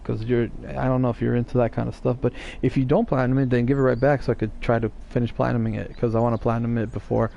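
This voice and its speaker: A man's voice: medium pitch, level tone, very fast, gravelly, hardly any pauses, warm tone, highs cut off, slight background noise. A man streaming live, chatting casually and teasing his viewers in a rambling way.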